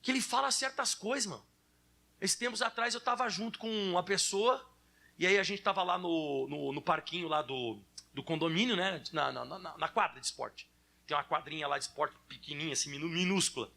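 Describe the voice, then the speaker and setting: A man in his thirties preaching as a pastor in church, lively and animated, acting out children's whiny voices. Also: fairly high pitch, fairly quick, gravelly. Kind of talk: sermon.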